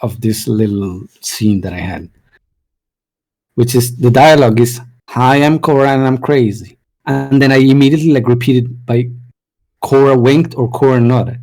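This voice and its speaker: A man's voice: medium pitch, normal speed, warm tone, low-quality recording. A man talking casually on a voice call about writing, rambling and correcting himself as he goes. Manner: rambling, many fillers and restarts, self-correcting. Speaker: writing advice speaker. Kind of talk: casual conversational talk.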